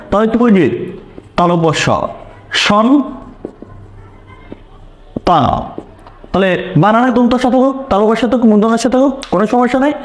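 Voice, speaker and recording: High-voiced man teaching a lesson. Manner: repeats key points and asks rhetorical questions. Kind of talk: online lesson.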